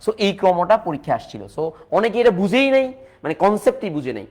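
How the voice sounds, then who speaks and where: A man teaching chemistry in a live online lecture, repeating points, mixing in English terms and urging students to reply quickly. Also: high voice, sing-song, a little mellow. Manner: repetitive, coaxing, mixes English terms into explanations.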